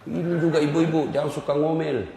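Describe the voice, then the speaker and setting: A man preaching a comic sermon, bantering with the audience and swinging between loud and soft. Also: fairly high pitch, little pitch movement, a little fast, gravelly. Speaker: Islamic preacher. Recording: echoey hall, faint noise.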